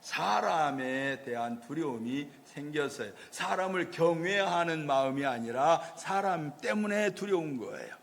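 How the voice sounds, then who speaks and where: A man's voice: fairly high pitch, lively intonation, unhurried, vocal fry, hardly any pauses. Male pastor preaching in a reverberant hall. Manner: acts out quoted voices in storytelling preaching. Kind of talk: sermon. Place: church sanctuary.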